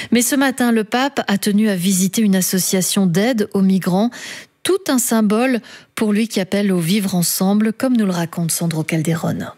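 A woman reading a radio news bulletin in a measured, steady way, with the odd filler. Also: medium pitch. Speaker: newsreader.

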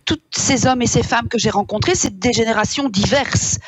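A woman's voice: a little high, normal speed. A woman from Wallonia, a guest in a radio interview who speaks reflectively with many hesitations. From Wallonia, Belgium. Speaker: author and guest.

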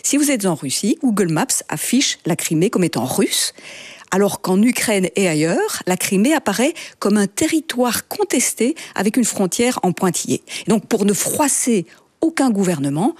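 A woman's voice: mid-range voice, very animated, normal speed, darkish tone, husky, no room sound, studio quality. A woman giving a scripted, explanatory radio segment in a conversational way, from Belgium. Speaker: radio columnist.

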